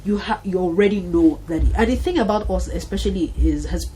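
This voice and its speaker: A woman in her thirties with a Nigerian accent, telling lively stories in a casual talk-show conversation and acting out voices. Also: on the low side, a little fast, slight background noise, rough recording. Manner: animated storyteller, acts out voices, laughs often.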